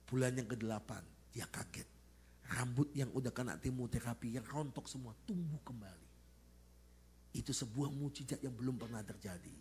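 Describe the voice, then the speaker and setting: A man, a pastor, preaching a sermon at a church service and telling stories to the congregation in an animated way, with sudden loud rises at the high points. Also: a little hiss or hum. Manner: animated storytelling, addressing the congregation.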